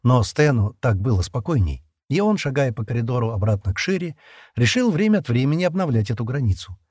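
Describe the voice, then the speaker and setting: Male audiobook narrator, lively intonation, slightly husky. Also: medium pitch, fairly quick, no echo, studio quality. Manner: expressive, lively reading. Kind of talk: scripted narration.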